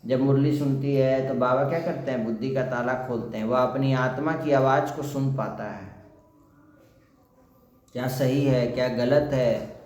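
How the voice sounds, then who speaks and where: A man's voice: medium pitch, steady tone, a little slow, darkish tone. A man explaining a daily spiritual lesson as a teacher, asking questions and answering them himself. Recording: very echoey room, faint noise.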